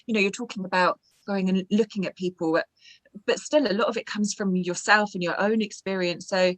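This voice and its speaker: A woman's voice: medium pitch, a little fast, no room sound, rough recording. A woman from Ireland, an audiobook narrator, chatting playfully as a guest on a video call and laughing often. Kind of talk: casual interview chat.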